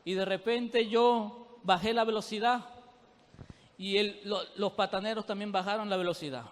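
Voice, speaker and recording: A man preaching with fervent intensity, speaking straight to his congregation. His voice sits very high for a man. It rings with the long reverb of a church hall. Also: fairly even intonation, normal speed. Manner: fervent, addresses the congregation directly with rising intensity. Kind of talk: sermon.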